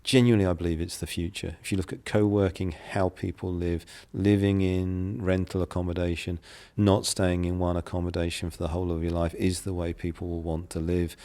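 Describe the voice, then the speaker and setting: A middle-aged man from England, a property developer appearing as a guest, answers interview questions in a measured, businesslike way. His very low, gravelly voice is dark and mellow with little pitch movement, and he pauses and uses the odd filler while thinking.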